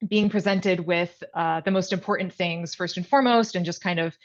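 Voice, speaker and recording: A woman presents product updates on a video call in a chatty, upbeat way. Her voice sits a little low and sounds dull and lo-fi through the call audio. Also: steady tone, normal speed. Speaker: product director presenting a webinar. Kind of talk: casual presentation. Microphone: video call mic.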